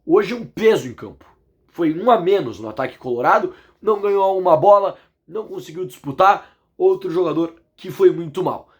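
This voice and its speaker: A hoarse man with a Brazilian accent, giving an indignant, emphatic football analysis as a vlog commentator. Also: sits high, animated, normal speed.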